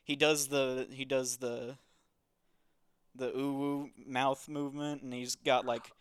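A man's voice: medium pitch, flat delivery, slow pace, smooth, no room sound. Wry man recapping a comic. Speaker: podcast host. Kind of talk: casual chat recapping a comic.

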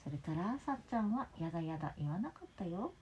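A woman reading a picture book aloud to her child at home, animated and stopping to talk with the child. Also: mid-range voice, quick pace. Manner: animated, talks with the child between pages. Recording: muffled lo-fi with faint hiss.

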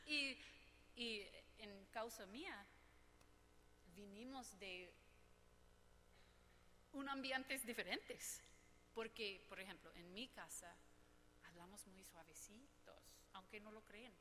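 Bright-voiced woman preaching in a hall. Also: mid-range voice, slow, pauses often, slight background noise. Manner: personal, humorous storytelling with quoted voices. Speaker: preacher at a women's gathering. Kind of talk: sermon.

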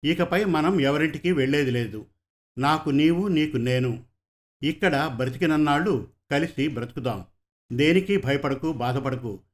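A man reading the soft, affectionate lines of an elderly father, a retired teacher, in a storybook. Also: a little high, normal speed, close to an everyday voice. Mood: tender.

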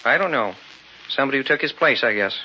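An actor playing a concerned hotel night clerk, folksy and a little hesitant, in an old radio horror drama. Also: male voice, medium pitch, expressive, quick pace, lightly acted. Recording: muffled, hissy old radio broadcast.

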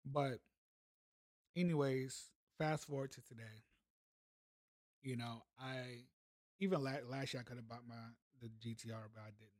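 A man's voice: mid-range voice, steady tone, unhurried, long pauses, dry recording. Laid-back slangy man telling a story. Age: 30s. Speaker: podcast host. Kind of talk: casual motivational storytelling.

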